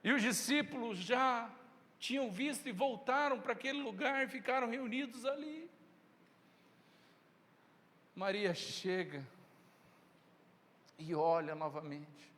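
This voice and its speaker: High, bright-voiced preacher. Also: male voice, measured pace, long pauses. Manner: emphatic storytelling, addresses congregation. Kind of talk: sermon. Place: church sanctuary. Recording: long reverb in a church hall.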